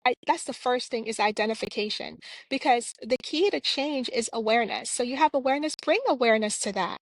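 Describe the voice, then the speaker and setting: A woman's voice: on the high side, a little fast, no room sound, rough recording. A woman from Jamaica, a clinician and author, answering interview questions in a reflective, earnest way with frequent fillers.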